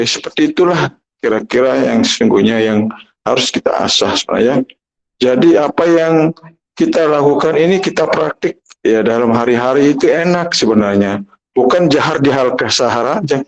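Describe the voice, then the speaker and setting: A man giving an unhurried sermon as a spiritual teacher, often pausing and restarting his phrases. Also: medium pitch, poor audio. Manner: unhurried, halting, many restarts and fillers.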